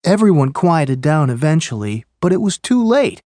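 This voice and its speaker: A woman reading a scripted dialogue for language learners, recounting events in a plain, measured way. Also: deep voice, very animated, warm tone, no room sound.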